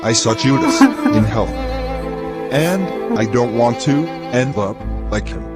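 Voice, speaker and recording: A guilty, jittery worker, as a man plays him, stumbles slowly through a confession, apologetic and unsure. Loud music plays under the voice. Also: medium pitch, big pitch swings. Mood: nervous guilty. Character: guilty, nervous church worker confessing to his boss.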